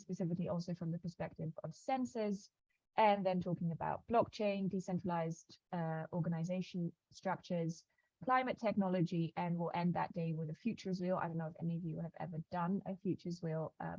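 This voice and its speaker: A woman walking a new cohort through a program schedule on an online call, talking quickly with frequent fillers and restarts. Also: fairly low pitch, no room sound, highs cut off. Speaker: program staff presenting onboarding. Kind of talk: online onboarding call walkthrough. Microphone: video call.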